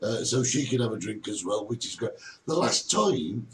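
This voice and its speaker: Man, middle-aged, chatty and jokey, very animated pitch, distant mic with faint noise. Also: normal speed. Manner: chatty, jokey, reads out viewer comments. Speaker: co-host of a live social media chat. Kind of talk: casual live-stream chat.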